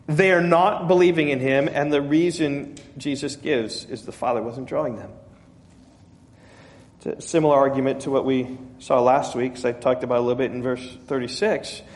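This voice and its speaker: A male pastor giving a sermon, conversational, often restarting words and rising in pitch when he quotes. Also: fairly even intonation, moderate pace, in a large hall. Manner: conversational preaching with frequent restarts, rising emphasis when quoting.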